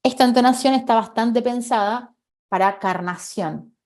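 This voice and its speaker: A woman's voice: on the high side, moderate pace, a little mellow. A woman with a Rioplatense Spanish accent teaching a live online painting class, explaining step by step and checking in with her students. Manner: explanatory, thinking aloud with tag questions.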